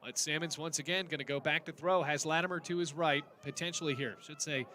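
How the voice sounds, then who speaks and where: A man's voice: fairly high pitch, steady tone, fairly quick, pushed and bright, a little hiss or hum. A man calling live football play-by-play in clipped, descriptive phrases. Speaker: play-by-play commentator.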